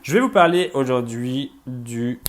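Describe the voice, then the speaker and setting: Man, relationship coach, mid-pitched voice, fast casual explaining, lots of fillers and restarts. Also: lively intonation. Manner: hesitant, many fillers and restarts, checks in with "ok?"; talks fast. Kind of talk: casual explanatory video talk.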